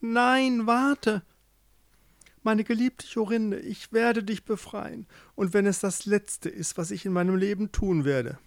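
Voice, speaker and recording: A man's voice: fairly high pitch, big pitch swings, a little slow, a little mellow, dry recording, clean studio sound. A man voicing an earnest young man devoted to his beloved in a fairy tale, with an emotive delivery. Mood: desperate.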